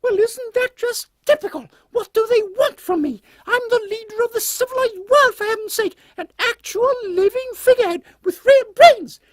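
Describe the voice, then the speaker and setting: A man's voice: very high voice, normal speed, hardly any pauses, no echo, voice pushed up. A man voicing an imperious elderly English queen in an audio comedy, pompous, commanding and given to exclamations. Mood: indignant. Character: imperious elderly Queen Victoria, haughty, thrill-seeking royal lady.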